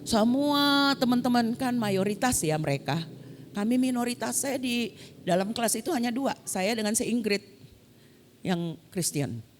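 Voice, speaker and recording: A woman's voice: a little slow, slight background noise. A woman pastor preaching in a church, telling stories animatedly and acting out the voices of the people she quotes. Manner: animated, acts out quoted voices with big pitch jumps. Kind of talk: sermon storytelling. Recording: long hall reverb.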